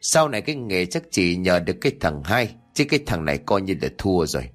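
A man voicing a gruff, scheming old male coffin maker who scolds and barks orders. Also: on the low side, moderate pace, faint music behind, close to an everyday voice. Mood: grumbling.

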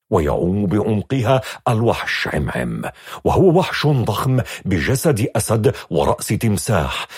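A man narrating a dark fantasy audiobook with dramatic storytelling. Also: lowish voice, breathy edge, no room sound, studio quality.

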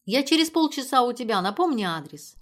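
A friendly young man who speaks with some care, as a woman narrator voices him. She keeps her own fairly high voice for him. It comes from a spoken audiobook. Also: sing-song, brisk. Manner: cautious, friendly.

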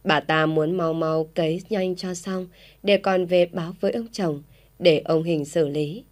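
A woman narrating a village story in a steady, even storytelling manner. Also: lowish voice, unhurried.

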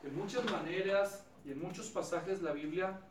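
Male preacher, conversational, self-deprecating, high voice, far from the mic, faint room ambience. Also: moderate pace, noisy background. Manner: conversational, self-deprecating, asks the audience questions. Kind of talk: sermon. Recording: echoey hall, distant mic, faint ambience.

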